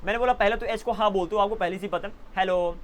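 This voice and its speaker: A male English teacher giving a classroom lesson to live students, teasing them playfully and repeating words slowly as drills. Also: sits high, slight background noise.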